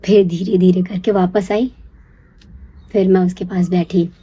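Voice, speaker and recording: A young woman casually telling a personal story in a chatty, confiding way, checking in with the listener and slipping into a hushed whisper for the secret parts. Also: lowish voice, fairly even intonation, a little slow, breathy edge. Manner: chatty, confiding, keeps asking "you get it?"; drops to a hushed whisper when acting out secrecy. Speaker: storyteller recalling her first love.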